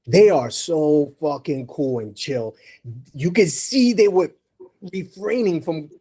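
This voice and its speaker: A husky male podcast host swearing his way through a story in loose, casual chat. His voice sits a bit high for a man, and he jumps into the people he quotes, acting out what each of them said. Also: takes it slowly. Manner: animated, profane, acts out dialogue.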